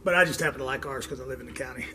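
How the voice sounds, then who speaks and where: An older man hosting a do-it-yourself car repair video, out of breath and pausing for air as he rambles through a casual, long-winded explanation. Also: mid-range voice, bright, forceful tone, a little hiss or hum. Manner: rambling, long-winded, pauses for air, tags lines with "okay?". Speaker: DIY car repair host. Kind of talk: casual instructional talk.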